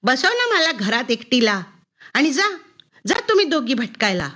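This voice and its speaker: Shrill, defiant schoolgirl, put on by a woman storyteller; high and shouting, bitter. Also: sing-song, a little slow, full character voice. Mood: shrill defiance. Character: defiant sixth-grade girl yelling at her mother.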